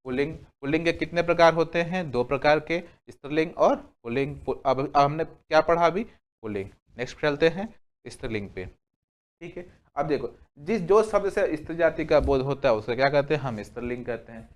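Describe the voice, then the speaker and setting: A man's voice: on the high side, expressive. Man drilling grammar rules with questions. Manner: asks the class questions and answers them himself, repeats "ठीक है" often; lists examples slowly, word by word. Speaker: Hindi grammar teacher. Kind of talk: exam-prep grammar lesson.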